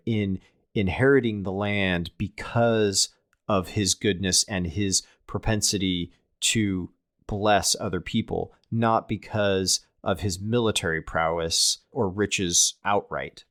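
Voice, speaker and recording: A man with a somewhat low voice talks through scripture in a relaxed podcast chat. He is thoughtful and unhurried in his reasoning, and he often restarts or repeats a word before finishing a thought. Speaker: podcast co-host. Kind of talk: casual scripture discussion.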